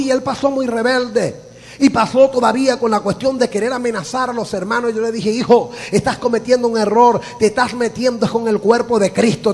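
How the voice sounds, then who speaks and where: Fervent gravelly pastor preaching. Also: male voice, very high voice. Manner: fervent preaching, often shouting, with laughs and storytelling. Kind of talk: sermon. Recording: long hall reverb.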